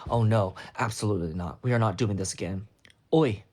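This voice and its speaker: A flustered young idol trainee blurts out his complaints, as a man reads his lines. He sounds exasperated and a little low-voiced, his lines read aloud from a storybook-style fanfic. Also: fast, darkish tone.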